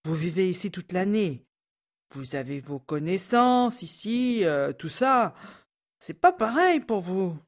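A grumbling, anxious housemaid in an audio drama. Her voice sits rather low but swings widely in pitch, rising sharply when she frets. She complains with many hesitations. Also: very animated, slow, full character voice.

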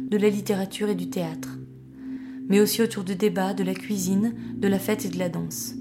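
A woman born to Argentine parents, who organizes a cultural association, speaks hesitantly with many fillers in a medium-pitched voice. The piece moves from scripted narration to an interview, and the sound is reverberant with background noise.

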